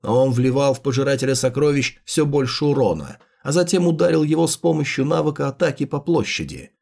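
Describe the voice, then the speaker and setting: A man's voice: medium pitch, fairly quick, creaky, a little mellow. A man narrating scripted fiction as an audiobook reader.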